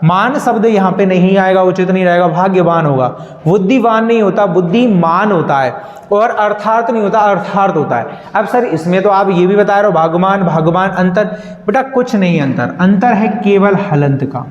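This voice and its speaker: A man's voice: high voice, moderate pace. A man teaching Hindi spelling to students, asking questions and answering them himself, calling them "beta". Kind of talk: classroom lesson with call-and-response questions. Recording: echoey room, slightly dull sound.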